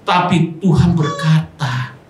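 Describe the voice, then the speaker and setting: Male pastor, unhurried, higher voice, sermon to congregation, echoey church hall. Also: soft background music. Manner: preaching to a congregation, acting out quoted speech.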